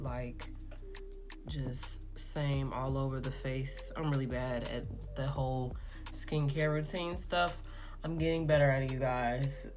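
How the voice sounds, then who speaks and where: Casual beauty vlogger, woman, low voice, flat rambling delivery, music underneath. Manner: rambling, filler-heavy, self-described monotone. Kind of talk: casual makeup tutorial talk-through. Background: background music.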